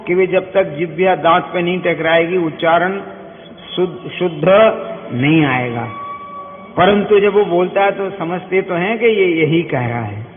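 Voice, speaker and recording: High-voiced man teaching scripture, tinny hall. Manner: keeps asking listeners quick questions; explains by everyday examples. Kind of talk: scripture discourse to listeners. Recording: tinny, echoey hall with faint hiss.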